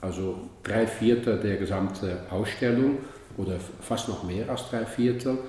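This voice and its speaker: A man explaining calmly and at length in a conversation about an exhibition. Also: lowish voice. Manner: measured, explaining. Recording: distant, echoey hall with faint noise.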